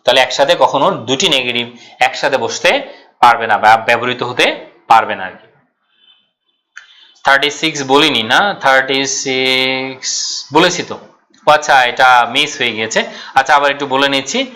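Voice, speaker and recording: A man's voice: medium pitch, expressive, normal speed, pauses often, sharp tone. A man teaching English grammar to students, repeating rules and asking then answering his own questions. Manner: stretches out English example sentences. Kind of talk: classroom lesson explaining exam questions.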